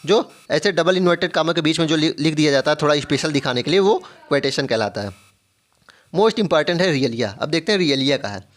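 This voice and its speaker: A man's voice: a little high, lively intonation, fairly quick. A young adult man with an Indian English accent teaching an exam-prep lesson, asking and answering his own questions and repeating key points. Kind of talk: explanatory lesson, mixing Hindi and English.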